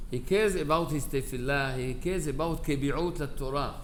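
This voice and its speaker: A rabbi from Aleppo, Syria, delivers an informal memorial speech full of personal anecdotes, telling stories conversationally and acting out quoted back-and-forth dialogue in broken English. His male voice is a bit high with a fairly bright tone. The live recording has clear background noise.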